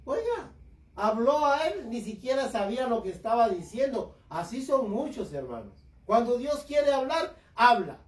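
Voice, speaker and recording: A man's voice: extremely high pitch, very animated, unhurried. A man preaching a sermon, speaking with impassioned fervor and calling his listeners brothers. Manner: impassioned, addresses congregation as brothers. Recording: echoey room, voice far from mic.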